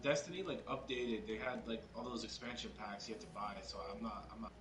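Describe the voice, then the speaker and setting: A man's voice: lowish voice, fairly quick. Rambling male gamer on chat, echoey. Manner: rambling, laughing easily. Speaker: friend on voice chat. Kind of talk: casual gaming chat. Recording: echoey, game music behind.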